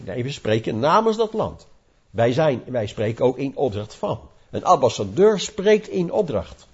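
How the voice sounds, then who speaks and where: A man preaching a sermon, his pitch swinging widely as he leans on key words and circles back over his phrases. His voice is a little husky, and the recording is muffled and lo-fi. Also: darkish tone. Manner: emphatic, repeats and restarts phrases, rising for stress.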